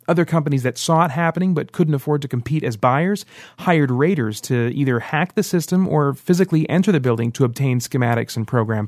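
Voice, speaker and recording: A man narrating an audiobook in steady, scripted storytelling. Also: medium pitch, no room sound, clean studio sound.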